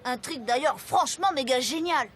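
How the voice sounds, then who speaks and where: A woman voicing a confident, smooth-talking schoolboy schemer in a French cartoon, sly and persuasive. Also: high-pitched, animated, a little hiss or hum. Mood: eager, scheming. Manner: sly, persuasive, quick to plot. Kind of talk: French animated series dialogue.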